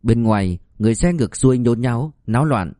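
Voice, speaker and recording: A man narrating an audiobook in a measured, expressive reading. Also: mid-range voice, no room sound, studio quality.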